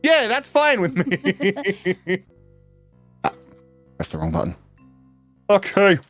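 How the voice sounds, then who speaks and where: A man's voice: sits high, wildly swooping pitch, takes it slowly, a bit bright. A man streaming a game, chatting casually and teasing his co-player, swearing a lot and laughing often. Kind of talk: casual gaming chat. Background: game music.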